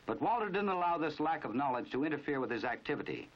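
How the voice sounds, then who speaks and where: A fast-talking American man with a slightly high, very animated voice narrates a 1950s crime training film. He adopts a knowing, dramatic storytelling manner in a wry, measured mood. The sound is that of a dull, band-limited 1950s film soundtrack.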